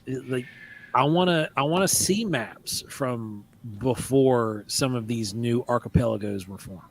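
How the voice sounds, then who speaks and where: A podcast host runs a live paranormal talk show in the style of casual radio chat, animated and sometimes mocking critics, often trailing off and starting over. His voice is mid-range at a measured pace, and the recording is rough.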